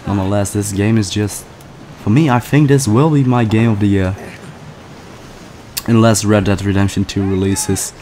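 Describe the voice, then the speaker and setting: A man casually commentating a video game playthrough, chatty and excitable, swearing often. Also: on the low side, normal speed, long pauses, slight background noise. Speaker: gameplay commentator. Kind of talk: casual let's-play commentary.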